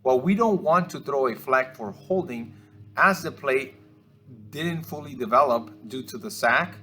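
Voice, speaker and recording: Soft music plays in the background as a man walks through game footage in instructional review commentary. His mid-pitched voice has a sharp tone and lively intonation, yet he stays measured and explanatory, hesitating a little on each point the way a coach would teach officials.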